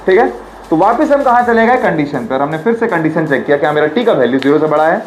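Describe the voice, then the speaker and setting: सवाल दोहराता हुआ हिंदी-अंग्रेज़ी शिक्षक. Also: male voice, on the high side, lively intonation, fast talker, slight background noise, rough recording. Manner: quizzing, repeats questions, drills pronunciation. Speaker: teacher. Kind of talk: classroom lecture.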